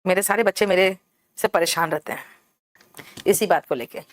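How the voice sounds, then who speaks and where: A woman teaching English grammar in a classroom, explaining patiently, checking understanding and slowing down to spell out example sentences. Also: fairly low pitch. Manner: explains patiently, calls students beta, asks check questions. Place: classroom with air conditioner running.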